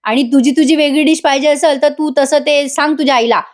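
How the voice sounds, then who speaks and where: A woman reading the lines of an overjoyed older father-in-law in a television serial review, loud and bossy. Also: high voice, steady tone, a little fast, voice pushed up, natural voice.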